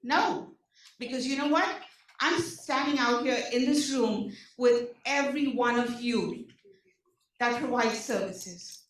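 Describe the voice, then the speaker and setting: A nonprofit program presenter with an Indian accent gives an energetic talk to service providers in a large meeting room, peppered with rhetorical questions and frequent "okay?" check-ins. Her voice is a little high and she speaks slowly, recorded from far away in an echoey hall.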